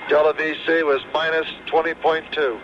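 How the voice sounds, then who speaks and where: A man, an astronaut, giving a terse status report in clipped bursts of numbers over a crackly space radio transmission. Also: a little high. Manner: clipped, flat, reads numbers in quick bursts. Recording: dull noisy archival radio downlink.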